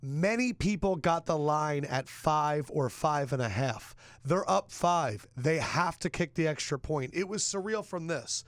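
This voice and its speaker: A man hosting a football podcast in casual sports talk, lively and telling stories with quick asides. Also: a little high, no echo. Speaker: podcast host.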